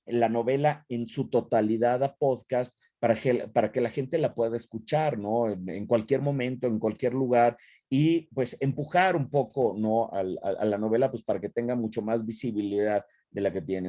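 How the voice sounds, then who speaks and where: A man's voice: mid-range voice, warm tone, dry recording. A man giving an online lecture, talking in a loose spoken style with many tag questions and restarts. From Mexico. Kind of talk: online talk with Q&A.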